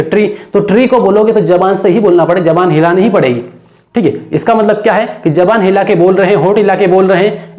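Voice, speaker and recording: A grammar teacher talks through an exam-prep lesson in a roomy, echoing space. The pitch sits in the middle range. Each point comes as a question to the class, then the teacher answers it and repeats the key word. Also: a little mellow. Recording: echoey room.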